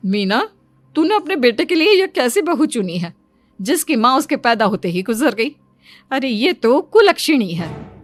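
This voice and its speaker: A woman's voice: sits high, lively intonation, a little slow, fairly bright tone, no room sound, soft background music. A woman playing a meddling, judgmental middle-aged neighbour in a cartoon moral story. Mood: disapproving.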